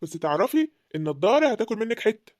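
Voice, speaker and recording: A woman voicing a boastful young village man in an animated drama, with an Egyptian accent. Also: medium pitch, quick pace, no room sound, natural voice. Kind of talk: cartoon voice acting.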